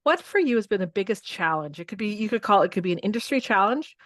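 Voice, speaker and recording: Woman, podcast host, curious, frequent restarts, average pitch, dry close sound. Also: expressive, fast talker, a bit bright, dry recording. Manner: curious, asks questions with restarts. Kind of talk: interviewing.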